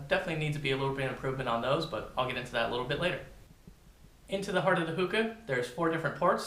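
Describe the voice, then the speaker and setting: A man's voice: a little high, fairly bright tone, echoey room. A man giving a casual, informal product review, talking directly to his viewers. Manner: informal, addresses viewers as "you guys".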